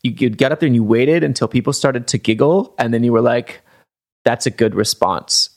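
A man's voice: mid-range voice, fast talker, a little mellow. A young man hosting a podcast who tells a story in a casual chat, often restarting his sentences.

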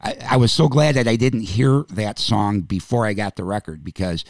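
A man's voice: on the low side, normal speed, a little mellow, no echo, clean studio sound. A man interviewing a guest, enthusiastic and complimentary in a casual chat. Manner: enthusiastic, complimentary, chuckles often.

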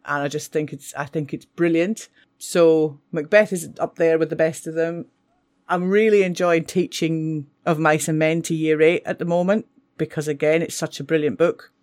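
A woman's voice: sits low, steady tone, normal speed, a little mellow. A woman teacher, talking with enthusiasm about books she loves. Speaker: English teacher. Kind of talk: casual talk for school radio.

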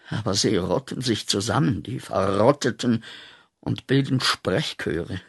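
A man acting a guilt-ridden corporal back from the war, in a radio play, speaking with slow, intense, declaiming rhythm. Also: mid-range voice, vocal fry, slightly rough, no room sound, clean studio sound, heavily acted. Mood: haunted.

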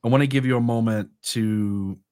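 A man hosting a podcast interview, asking loose, rambling questions in a relaxed way. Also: mid-range voice, normal speed. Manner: relaxed, asks rambling questions, short affirmations. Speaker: podcast host. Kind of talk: conversational interview.

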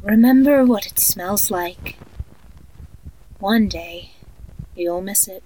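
A woman voicing an eerie, soothing sleep story narrator guiding a children's meditation tape in a hushed, haunting manner. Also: medium pitch, takes it slowly, rough recording. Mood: calm, ominous. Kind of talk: guided sleep meditation in horror audio story.

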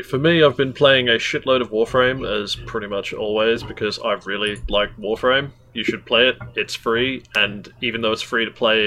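A man's voice: lowish voice, sharp tone, slight background noise. A man of twenty-eight co-hosting a casual gaming podcast, brash and swearing freely as he runs through listener questions. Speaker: podcast co-host and journalist.

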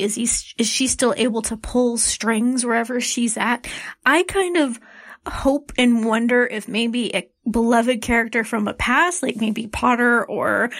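A woman with a fairly high voice chats casually on her own as a podcast host. It is a closet recording, captured on a cell phone, with a very dry sound and no room echo. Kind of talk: casual solo episode commentary.

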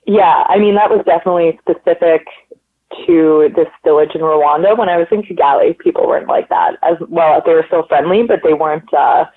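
Chatting casually as an interview guest, a woman from Canada rambles cheerfully, filling her speech with "like" and "um." Her voice sits on the low side and moves briskly. The audio comes through a tinny phone line.

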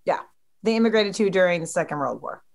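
A woman's voice: fairly low pitch, animated, fast talker. A woman from Kansas City hosting a casual podcast, reading out trivia questions in a laid-back, chatty and teasing way. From Kansas City, USA. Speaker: podcast host.

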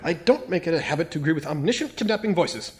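An actor playing a pompous, eccentric detective who speaks formally and teases his partner deadpan. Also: a little high, quick pace, lightly acted. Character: pompous eccentric male detective, dryly teasing.

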